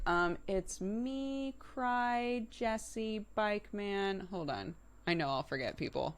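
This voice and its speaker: A livestream host in her early thirties talks casually with her live viewers, keeping things informal and conversational and laughing often. Her mid-range voice is smooth, with a fairly bright tone.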